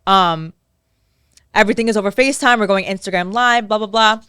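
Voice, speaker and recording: A woman's voice: mid-range voice, a little fast, pushed and bright, smooth, no room sound, studio quality. A woman in her twenties from New York, co-hosting a podcast and telling a story in casual chat. She acts out what others said in changed voices. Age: 20s. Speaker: podcast co-host.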